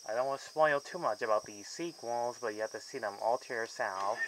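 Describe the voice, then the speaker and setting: A man's voice: mid-range voice, fairly quick, noisy background. A man giving a casual, rambling film review vlog, with loosely strung sentences that often trail off mid-thought. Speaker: movie reviewer.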